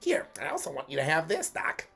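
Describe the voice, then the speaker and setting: A man's voice: a little high, huge pitch swings, a little fast, gravelly, fairly bright tone, husky, heavily acted. A congested man voicing a boy gym leader in a cartoon rabbit drawl from a video game, calling the player "Doc". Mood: smug, cheery. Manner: Bugs Bunny-style cartoon voice, calls everyone Doc.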